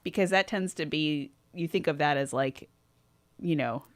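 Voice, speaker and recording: A female co-host with a notably low voice, recorded close and dry with no room sound. She chats casually and teases her partner in a deadpan way. She laughs often. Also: normal speed, no room sound. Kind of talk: casual podcast banter.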